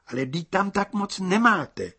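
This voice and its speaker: A man voicing a brash, pushy young bride in a storybook reading, with a bold, teasing manner and a very husky voice. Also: high voice, animated, sharp tone, voice pushed up, full character voice.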